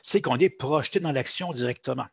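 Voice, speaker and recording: A man's voice: mid-range voice, brisk, creaky, slightly rough, no echo, clean studio sound. A man teaching translation in a recorded lecture, explaining at length with frequent fillers and restarts. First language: French. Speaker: translation instructor.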